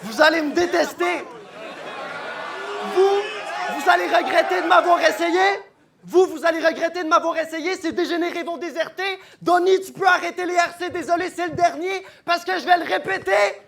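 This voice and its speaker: Gravelly high-voiced man provoking a crowd. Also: moderate pace, fairly bright tone. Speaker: battle rapper. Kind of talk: rap battle verse.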